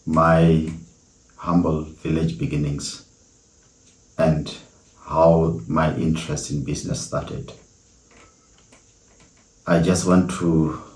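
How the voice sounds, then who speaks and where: Recorded in a room with noticeable echo, this solo podcast monologue comes from a South African host. His voice is very deep and flat, and his reflective, earnest storytelling is full of pauses.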